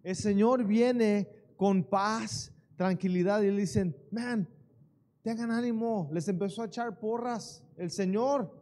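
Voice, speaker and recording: A pastor preaching a sermon in church, calling out questions for the congregation to answer. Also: male voice, high voice, slow, warm tone. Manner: preaching with call-and-response to the congregation. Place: church sanctuary.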